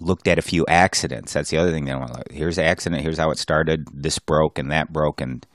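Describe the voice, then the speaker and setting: A man co-hosting a casual podcast chat about diving, joking and playful, his loudness swinging between bursts and mumbles. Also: a bass voice, fairly even intonation, fast, dry recording, clean studio sound. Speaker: podcast co-host.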